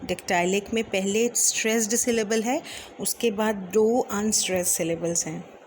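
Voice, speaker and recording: A woman's voice: mid-range voice, fairly even intonation, a little hiss or hum. A woman teacher giving a lecture, explaining step by step with many English terms and a few fillers. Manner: reads verse lines slowly. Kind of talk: Hindi lecture on English poetry.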